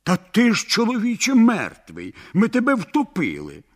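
A man's voice: sits high, wildly swooping pitch, moderate pace, voice pushed up, heavily acted. Man voicing astonished village folk.

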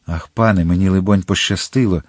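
A man plays a frightened servant in a storybook reading. He speaks timidly in a low, plain voice. The sound is dry and close. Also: brisk, no echo. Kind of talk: audiobook character reading.

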